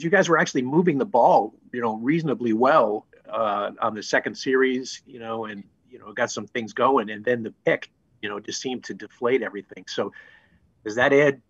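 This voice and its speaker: A male reporter asks long, rambling questions at a press conference, padding them with you-knows. His husky voice comes over a dry, muffled remote line. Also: mid-range voice, fairly bright tone, no room sound.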